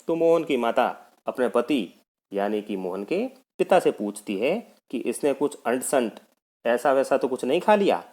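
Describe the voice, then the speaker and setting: A man's voice: mid-range voice, expressive, normal speed, a little mellow. A male teacher explaining a textbook play to children, addressing them directly. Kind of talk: explaining a textbook lesson to students.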